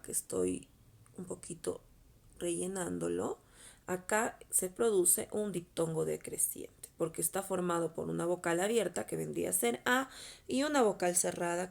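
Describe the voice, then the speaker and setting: In a lowish voice with vocal fry, a teacher from Peru walks schoolchildren through a lesson over slides in a recorded online class. She is patient and frequently checks in with brief questions.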